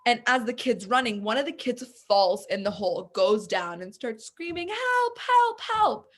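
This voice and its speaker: A woman in casual conversation, an animated storyteller who acts out the voices in her tale. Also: mid-range voice, moderate pace. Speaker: podcast guest.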